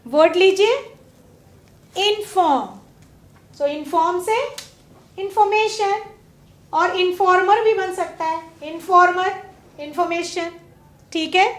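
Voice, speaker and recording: Leading a lesson in a studio classroom, a teacher with a very high voice poses questions to her pupils and pauses for replies. She draws out each example word slowly, and the room echoes around her.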